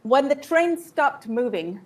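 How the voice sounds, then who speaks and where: A woman with a fairly high voice recounts a personal story in short, vivid bursts. She stops after each phrase so an interpreter can follow. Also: very animated, a little mellow. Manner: vivid storytelling, pausing for translation. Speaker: guest speaker. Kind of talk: personal testimony with live interpreter.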